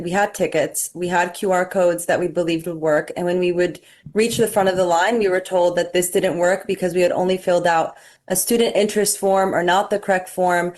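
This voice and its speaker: A young woman giving a first-hand eyewitness account in an interview, halting and stumbling over words as a student guest. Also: on the low side, darkish tone. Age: young adult.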